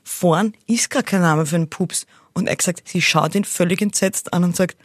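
A young woman, chatting casually as a podcast co-host, excitable and quick to exclaim. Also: fairly low pitch, dry recording. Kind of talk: casual chat.

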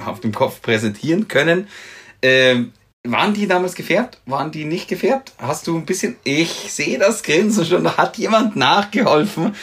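A man's voice: medium pitch, fairly bright tone. A man in his thirties co-hosting a podcast, teasing and joking through casual chat. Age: 30s. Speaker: podcast co-host.

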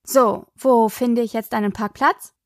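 A woman's voice: fairly high pitch, measured pace, no room sound, studio quality. A woman voicing a wry, patient mother. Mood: calm. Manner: calm, dryly joking. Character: wry, patient mother driving her daughters.

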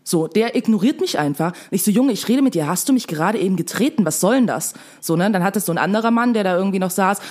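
A woman's voice: medium pitch, lively intonation, fast talker, few pauses, a little mellow. A young woman telling a story to camera in casual, chatty speech full of fillers, still shaken.

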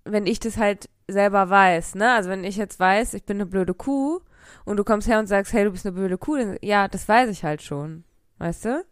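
Speaking into a close studio mic, this young podcast co-host has a cold and keeps the conversation casual, full of fillers, rambling, and frequent laughs. She talks at a normal speed in a smooth, medium-pitched voice with no room sound.

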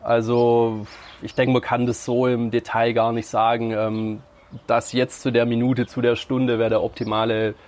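Male guest, monotone delivery, halting explainer, mid pitch. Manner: halting, frequent fillers. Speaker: podcast guest. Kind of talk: casual explanatory chat.

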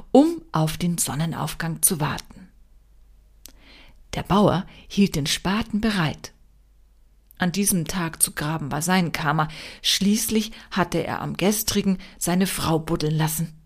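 A woman reading a folk tale aloud as a storyteller, expressive with dramatic pauses. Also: on the low side.

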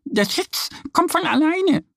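A man voicing a small hiccuping duckling girl with a high, whiny voice. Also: animated, takes it slowly, gravelly, fairly bright tone, no room sound, studio quality, heavily acted. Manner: high squeaky whine.

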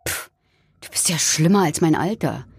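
A woman's voice: low voice, lively intonation, normal speed, slightly rough, soft background music, heavily acted. A woman voicing her careless, cocky sixteen-year-old self in a dismissive tone. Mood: flippant. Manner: flippant, dismissive.

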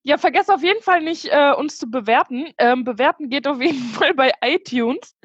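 A woman co-hosting a podcast over a video call, bubbly and laughing, quick with comebacks. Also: sits high, no room sound, lo-fi sound. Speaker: podcast co-host.

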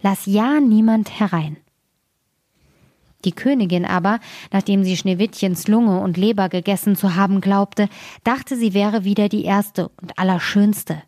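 A woman storyteller reading a fairy tale aloud in a calm, measured way. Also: medium pitch, no echo, clean studio sound.

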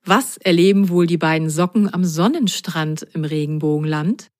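A woman's voice: on the low side, normal speed, no room sound. Woman reading a children's story, dry close sound. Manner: gentle, clear, addresses children directly.

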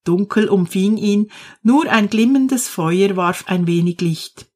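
Female narrator, slow, calm storybook read, mid-pitched voice. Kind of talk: storybook reading.

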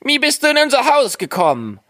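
A man voicing a group of little male dwarfs in a storybook reading, with a high squeaky voice. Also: huge pitch swings, a little fast, sharp tone, dry recording, clean studio sound, exaggerated voice. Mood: friendly.

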